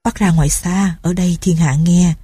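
A woman's voice: lowish voice, steady tone, normal speed, dark tone, husky, dry recording. A woman voicing an earnest, scheming teenage peasant boy who pleads and reassures. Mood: urging.

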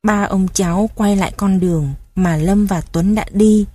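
A woman narrates a story at a steady, even pace. Her voice is husky, and the recording is close and dry with no room around it. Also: mid-range voice, unhurried, no room sound.

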